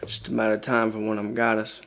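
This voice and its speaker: An actor playing a young soldier telling a wild story, profane and swaggering. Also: male voice, lowish voice, monotone, quick pace, fairly bright tone, slight background noise. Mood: brash. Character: brash young male soldier, reckless storyteller. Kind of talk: dramatic monologue.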